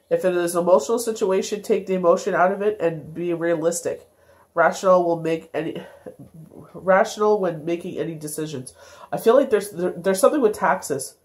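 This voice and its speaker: Stuffed up and congested, a tarot reader rambles through a casual daily reading with plenty of fillers and self-corrections. Her pitch is fairly low and her tone darkish.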